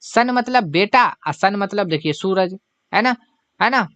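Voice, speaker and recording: A man's voice: high voice, animated, a little slow, fairly bright tone. A man with a Bihari Hindi accent teaching an exam-prep language lesson, patiently explaining word pairs and checking in with "है ना?" as he goes. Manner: repeats "है ना?" often, patient explaining.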